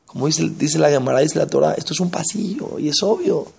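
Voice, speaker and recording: A man giving an animated sermon, telling stories and asking the audience rhetorical questions. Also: on the high side, fairly quick, creaky, slightly rough. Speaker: religious teacher.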